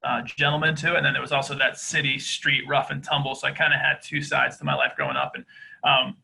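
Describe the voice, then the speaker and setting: Bright gravelly-voiced man from Boston. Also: medium pitch, lively intonation, fast talker, rough recording. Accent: Boston, softened by years in Georgia. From East Boston, Massachusetts. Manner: earnest, open, many fillers. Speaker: podcast host sharing his story. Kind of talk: candid conversational interview.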